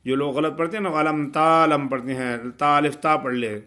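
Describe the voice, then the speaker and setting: A man giving a tajweed lesson, explaining pronunciation rules and reciting verses slowly and melodically to show them. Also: medium pitch, a bit bright. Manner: imitates common mistakes to correct them. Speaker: Quran recitation teacher.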